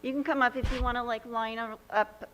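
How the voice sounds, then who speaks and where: A woman's voice: a little high, fairly even intonation, moderate pace, a bit bright, a little hiss or hum. A woman chairing a school board meeting, giving casual directions to the audience, partly away from the microphone. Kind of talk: running a public meeting.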